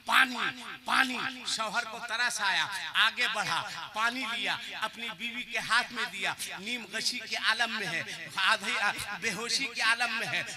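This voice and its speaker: Man preaching high and dramatic, shouting bits out, crowd audible behind. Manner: dramatic storyteller, acts out voices and shouts to the crowd. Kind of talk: sermon storytelling.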